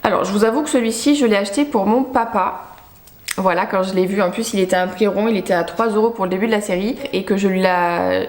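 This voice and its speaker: Speaking fast in a medium-pitched voice, a young woman book vlogger casually chats about her new books. She is talkative, pokes fun at herself, and uses lots of fillers, and the recording comes from an echoey room.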